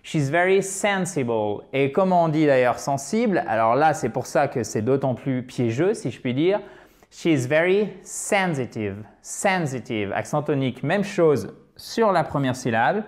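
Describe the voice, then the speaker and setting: A woman teaching English to viewers in a lively, teacherly way, slowly repeating words for drill. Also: low-pitched. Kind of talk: lesson segment, addressing viewers.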